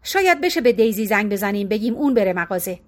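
Terse middle-aged husband for an audiobook, dry and curt, pitched down, read by a woman. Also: sing-song, natural voice. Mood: plain. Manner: curt, matter-of-fact. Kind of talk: audiobook character reading.

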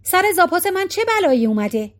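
A woman's voice: extremely high pitch, sing-song, voice pushed up. A woman reading a storybook voicing an impatient middle-aged husband who keeps asking pointed questions. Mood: exasperated.

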